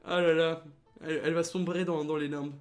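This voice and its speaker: A man's voice: fairly high pitch, flat delivery, fairly quick, soft background music. A young man hosting a let's play in casual gaming commentary, reading the game text aloud and adding sarcastic, joking asides.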